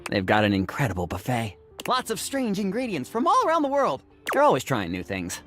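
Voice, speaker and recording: An actress playing a dramatic, self-serious video game character who narrates with theatrical, deadpan earnestness. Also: female voice, low voice, fairly quick, soft background music, full character voice. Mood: brooding, dramatic.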